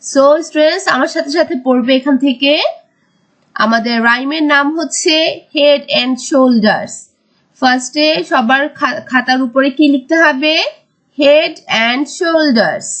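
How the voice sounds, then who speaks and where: A woman teaching a primary school English lesson, mixing English words with Bengali explanations and drawing words out slowly. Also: high-pitched, fairly bright tone. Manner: slow, drawn-out word-by-word teaching. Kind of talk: recorded classroom lesson.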